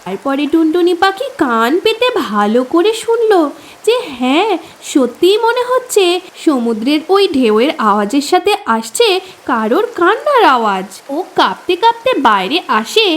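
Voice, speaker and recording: A woman's voice: sits high, sing-song, moderate pace. Woman narrating a cartoon fairy tale. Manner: dramatic storytelling. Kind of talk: storybook narration.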